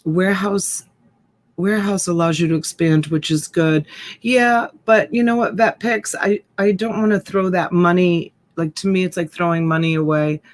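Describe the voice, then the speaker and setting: Speaking at a moderate pace with fairly even intonation, this fifties-aged woman has a voice on the low side. She hosts a casual reseller live stream through a USB desk mic, reading viewers' comments and chatting with them in a rambling way.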